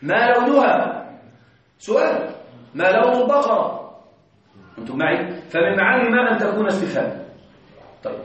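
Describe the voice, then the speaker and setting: Arabic grammar teacher in an echoey hall. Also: male voice, high voice, very animated, fairly bright tone. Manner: repeats examples slowly, checks students with questions; chants Quranic verses in a recitation tone. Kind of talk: classroom grammar lesson. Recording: very echoey room, distant mic, dull sound.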